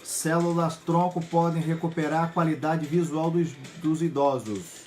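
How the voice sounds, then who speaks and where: Brazilian man reading quick headlines. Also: a little high, steady tone, a little mellow, faint music behind. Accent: Brazilian Portuguese. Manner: brisk headline delivery with small slips. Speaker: news host.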